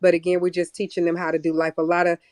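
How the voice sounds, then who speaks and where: A woman's voice: fairly low pitch, completely flat delivery, very fast, a little mellow, no room sound, clean studio sound. A woman guest with a Southern American accent, earnestly explaining her youth programs in a casual interview. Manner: earnest, explains plans in long lists.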